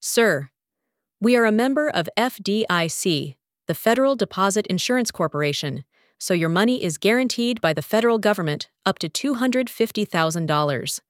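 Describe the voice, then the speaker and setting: A man's voice: sits high, expressive, moderate pace, no room sound, clean studio sound, pitched above the performer's own voice. A man reading an audiobook, voicing a female bank teller who speaks with stiff, scripted politeness. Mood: strained. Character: strained, formal young female bank teller.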